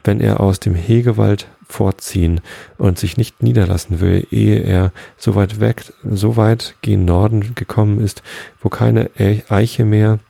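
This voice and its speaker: Sly old adder, grudging and vengeful, gravelly, dark, read by a man. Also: lowish voice, steady tone, a little slow, no echo, exaggerated voice. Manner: quiet, hissing storyteller delivery.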